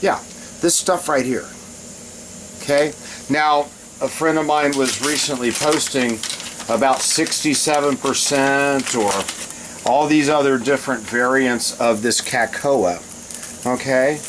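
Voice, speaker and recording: Casual male home cook, mid-pitched, rambling recipe demo, constant hiss in the recording. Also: measured pace, low-quality recording. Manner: rambling, often breaks off to handle things. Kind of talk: casual cooking vlog chat. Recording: loud steady hiss behind voice. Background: loud hissing.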